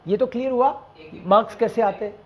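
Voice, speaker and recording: Extremely high-pitched and fast, a man teaches students preparing for a German exam. His casual explanations mix Hindi with German example phrases, and he addresses the class directly.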